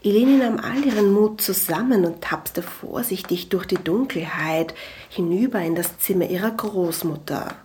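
A woman reading a story aloud in a calm narration style, sometimes dropping to a soft whisper. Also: mid-range voice, normal speed, a little hiss or hum. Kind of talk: scripted audiobook narration.

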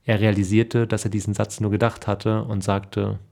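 A man reading a story aloud in calm, even scripted narration. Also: lowish voice, moderate pace, creaky. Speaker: reader.

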